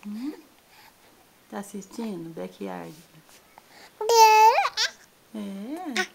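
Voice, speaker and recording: A Brazilian mother gently and repetitively coaxing her babies to talk in a home video. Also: mid-range voice, very animated, drawn-out words, gravelly, slight background noise. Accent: Brazilian Portuguese.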